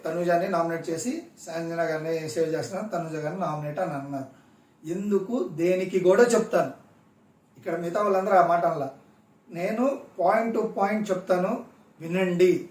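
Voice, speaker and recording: A man with a high-pitched voice gives a casual recap of a reality show, driving his points home by repeating them. He sits back from the microphone in a room full of echo. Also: distant mic. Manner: emphatic, repeats points for stress. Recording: echoey room, voice off-mic.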